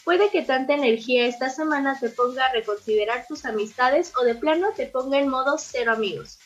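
A high-pitched woman with a husky, breathy tone reads horoscopes sign by sign. Her voice comes through a dull, muffled connection. She keeps an even, unhurried reading pace. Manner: steady reading, lightly informal. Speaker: horoscope reader. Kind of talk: reading horoscopes on a radio show.

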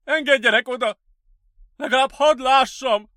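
A man voicing a frantic young male psychiatric patient who wails and shouts in panic, in an audiobook. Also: extremely high pitch, no echo, clean studio sound, pitched above the performer's own voice. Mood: panicked. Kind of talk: audiobook character voice.

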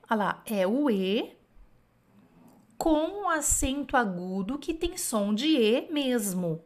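A Portuguese-speaking woman with a slightly high voice leads a relaxed French lesson, going through a dictation. She talks in a chatty, encouraging way, thinking aloud and catching her own slips as she goes. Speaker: French teacher. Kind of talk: casual online lesson, correcting a dictation.

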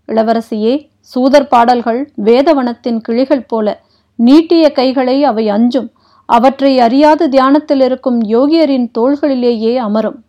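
A woman voicing a stern, restrained old warrior-prince who speaks in a grave, measured, formal way, read for an audiobook. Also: on the high side, warm tone, dull audio, lightly acted. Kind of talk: audiobook character reading.

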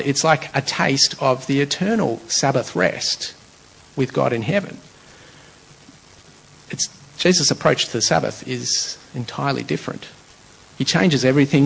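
A man's voice: medium pitch, vocal fry, slightly rough, poor audio. A man preaching a conversational, explanatory sermon, working through a passage verse by verse.

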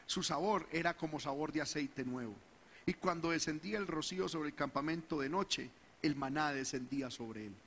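Male pastor, fervent sermon delivery, slightly high voice, long church reverb. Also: normal speed, fairly bright tone, slight background noise. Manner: preaching with rising fervor, acting out the people's whining.

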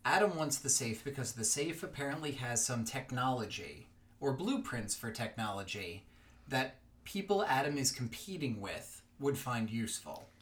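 A man co-hosts a podcast in a relaxed, chatty way. His pitch swings widely and he fills his talk with little fillers. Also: normal speed. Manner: lively, chatty, many fillers. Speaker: podcast co-host. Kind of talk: casual chat about a fiction podcast.

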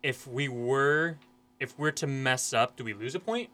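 A young man co-hosting a casual podcast game, excitable and self-mocking with loud outbursts. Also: mid-range voice, unhurried, slight background noise. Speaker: podcast co-host.

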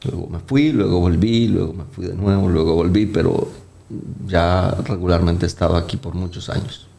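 In a low, gravelly yet mellow voice at a moderate pace, a Colombian doctor describes his career as an interview guest. The casual talk is full of fillers and restarts, and his slight Colombian accent has been softened by years living in the Dominican Republic.

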